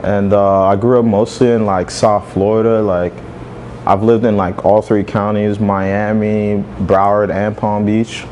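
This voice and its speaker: A man in his twenties, originally from Saint Martin, talks in an easygoing interview as a music manager and show promoter. His voice sits a little low and sounds mellow and warm. He leans on "like" constantly, with a faint hum of noise behind him. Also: little pitch movement, unhurried. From Saint Martin, French side. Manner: laid-back, peppers speech with "like". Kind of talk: casual interview talk.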